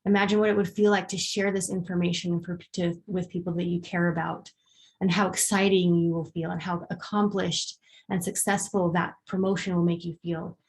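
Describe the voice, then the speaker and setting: A woman's voice: lowish voice, level tone, moderate pace, darkish tone. A woman presenting a self-help workshop in a conversational way, with frequent ums and short acted-out examples. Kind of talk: casual workshop talk.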